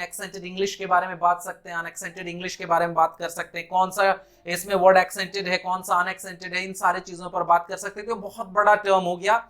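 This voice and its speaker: A man with an Indian accent teaches a spoken English lesson in Hindi, slowing down to spell out English words syllable by syllable. His voice is high-pitched and a bit bright.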